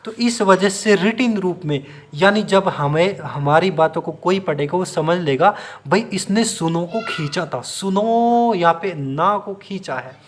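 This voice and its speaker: A man's voice: sits high, lively intonation, measured pace, hardly any pauses, slight background noise. A man teaching a grammar lesson to exam students, drilling them with repeated questions and answers and stretching sounds out to demonstrate. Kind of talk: classroom-style video lesson.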